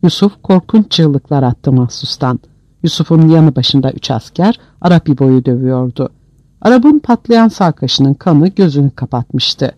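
A man's voice: on the high side, expressive, unhurried, a little mellow, dry recording. A man narrating an audiobook in a dramatic storytelling manner, on a dull, dry lo-fi recording.

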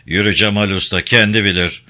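A man voicing a gruff, scornful village man in a Turkish audiobook, loud and scolding. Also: on the low side, fairly even intonation, brisk, voice pushed down.

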